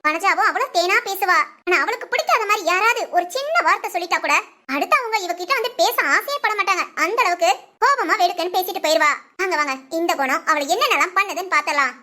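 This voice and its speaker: A woman narrating a short family story in a lively, inviting way. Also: very high-pitched, fast. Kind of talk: scripted narration.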